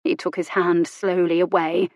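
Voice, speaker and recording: A woman narrating a romance novel in an intimate, measured reading. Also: on the low side, little pitch movement, no room sound, clean studio sound. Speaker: audiobook narrator.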